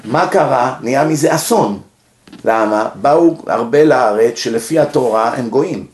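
A man with an Israeli accent gives an informal religious lecture in a didactic way, asking questions and answering them himself. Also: mid-range voice. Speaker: rabbi giving a religious lecture. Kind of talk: informal Torah lecture to an audience. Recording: echoey room.

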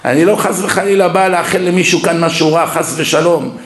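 Rabbi giving a sermon in an echoey hall, higher-pitched guy, tells funny stories as he preaches. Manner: lively anecdotal preaching with humor. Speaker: rabbi giving a public lecture. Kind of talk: sermon with storytelling. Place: lecture hall.

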